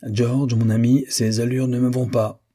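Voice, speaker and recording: A man's voice: on the low side, normal speed, warm tone, husky. A man voicing a hot-tempered older navy admiral in an audiobook, blustering and scolding. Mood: irritated. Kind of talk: audiobook character reading.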